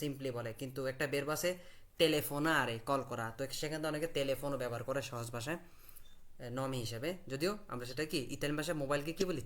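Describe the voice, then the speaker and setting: A man's voice: mid-range voice, background noise. Patient man teaching a class. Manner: patient, drills pronunciation, asks the class questions. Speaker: language teacher.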